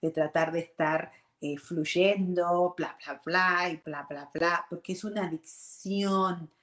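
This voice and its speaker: A woman's voice: on the low side, steady tone, takes it slowly, fairly bright tone. A woman gives a reflective personal talk on meditation and emotions. She talks earnestly, restarts phrases often, keeps checking in with "ok?" and slips in English words. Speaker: meditation and self-growth speaker. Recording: roomy echo.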